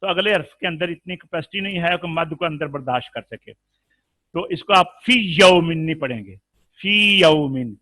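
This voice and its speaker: A man teaching Quran recitation rules in a live lesson with an Urdu accent, explaining patiently and then chanting the examples slowly. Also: a little high, pushed and bright, no echo.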